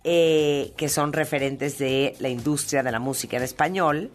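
A woman hosts a casual talk show in an upbeat, chatty manner, her voice sitting low. English is her first language, and she moves easily between banter and sponsor reads. Faint music plays under her. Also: normal speed. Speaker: radio show host. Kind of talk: casual radio chat with ad reads.

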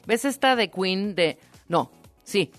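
A woman's voice: medium pitch, animated, takes it slowly, faint music behind. A woman co-hosting a casual talk show, teasing and asking playful questions. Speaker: radio show co-host. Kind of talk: casual radio banter.

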